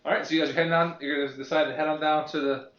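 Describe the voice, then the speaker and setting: A man narrating as game master of a tabletop role-playing game, in a relaxed way. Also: fairly high pitch, very fast. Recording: roomy muffled home recording.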